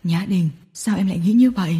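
A woman reading a storybook and voicing a patient young man who gently comforts his partner. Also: a little fast, husky. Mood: soothing. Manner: soft, soothing, low-voiced.

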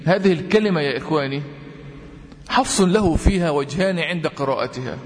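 A man with an Egyptian accent teaching tajweed, quizzing his students with repeated questions and chanting verse examples slowly. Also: a little high. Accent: Egyptian Arabic. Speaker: Quran recitation teacher. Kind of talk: tajweed lesson. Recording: long reverb.

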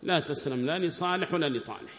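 A man with a somewhat high voice gives a lesson on a classical Quran commentary. He reads each passage aloud slowly and then explains it in a calm teaching tone. His voice rings out with a long hall reverb. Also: a little hiss or hum. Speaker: religious teacher.

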